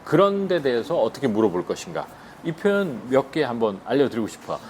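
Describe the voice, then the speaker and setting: Lively Korean man teaching English. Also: mid-range voice, slight background noise. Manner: lively, chatty, acts out example phrases slowly. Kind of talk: casual video lesson.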